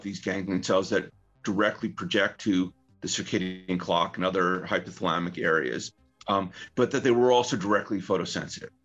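A man's voice comes through a phone line that sounds muffled and lo-fi. His voice sits on the low side. He explains things in a relaxed interview tone and often pauses on "uh" and "um". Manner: relaxed, with frequent "uh" and "um" fillers. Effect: talking over the phone. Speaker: researcher being interviewed.

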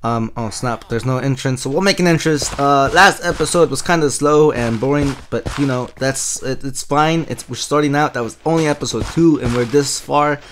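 A young man giving casual let's-play commentary over his own gameplay, excitable and quick to laugh. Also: mid-range voice, slight background noise. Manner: excitable, laughs often, shrieks at surprises. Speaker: gaming channel host.

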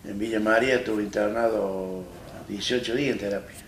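On a small studio set, an Argentine man sits in an armchair as an interview guest, telling a personal story in Argentine Spanish. His voice sits on the low side with a steady tone, and his plain-spoken, halting retelling is full of restarts. The audio sounds roomy and distant, with echo and faint hiss.

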